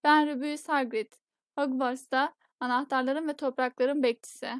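A woman reading the lines of a huge, gruff male giant gamekeeper, blunt and quick to roar, in an audiobook. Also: high-pitched, little pitch movement, no echo, studio quality, lightly acted. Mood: proud. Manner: roaring, indignant outbursts.

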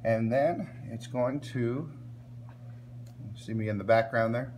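A man hosting a step-by-step tech tutorial, plain and relaxed, often checking in with "okay?" as he works on a laptop at a workbench. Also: mid-range voice, takes it slowly, slight background noise. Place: indoors at a workbench filming a laptop screen.

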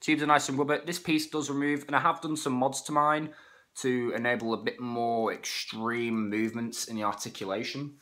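A man with a bright voice and a head cold reviews a collectible figure in a loose, chatty way. He rambles, corrects himself mid-sentence and stumbles over words. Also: medium pitch, level tone, normal speed. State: has a cold, sniffling. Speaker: toy reviewer. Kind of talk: casual toy review.

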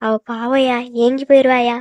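A woman's voice: high voice, flat delivery, normal speed, darkish tone, no echo, dull audio, close to an everyday voice. A woman voicing a fussing cartoon village mother. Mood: doting. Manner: scolding, then tearful and doting. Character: scolding, emotional middle-aged village mother. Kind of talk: cartoon voice acting.

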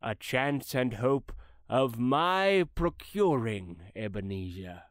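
An actor playing the solemn ghost of a dead old businessman who speaks in slow, grave, mournful pronouncements. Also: medium pitch, big pitch swings, dry recording, studio quality. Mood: urgent warning. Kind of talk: dramatized classic story reading.

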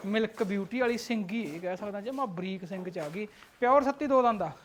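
A man showing buffaloes at a farm, calling out directions in a brisk salesman patter. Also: high-pitched, background noise. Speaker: livestock dealer vlogger. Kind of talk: on-farm livestock showcase. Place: outdoors at a dairy farm.

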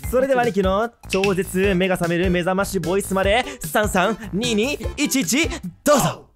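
A man hosting a comedy game show in an excitable, announcer-like way. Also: high voice, normal speed. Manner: excitable, announcer-like countdowns and shouts. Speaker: host. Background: music.

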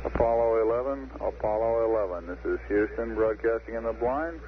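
A man's voice: lowish voice, fairly quick. Man making terse radio calls over a two-way radio. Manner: terse, repetitive call-and-response phrasing. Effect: two-way radio transmission. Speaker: mission control radio communicator. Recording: muffled archival radio with loud static hiss.

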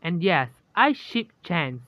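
A woman's voice: on the low side, big pitch swings, takes it slowly, no echo, highs cut off. A man voicing a smug, teasing girl spirit in a fan story, talking in a casual, chatty way.

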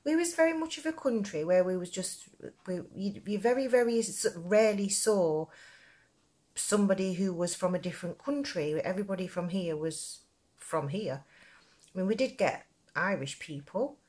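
A woman's voice: medium pitch, animated, moderate pace, darkish tone. A woman with a Nottingham accent, giving a casual, rambling craft tutorial in a chatty, informal way. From Nottingham, England. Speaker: crochet tutorial presenter.

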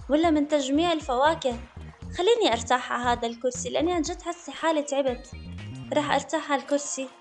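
A woman giving excitable, dramatic, playful commentary over her own gameplay. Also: high voice. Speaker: gaming channel host.

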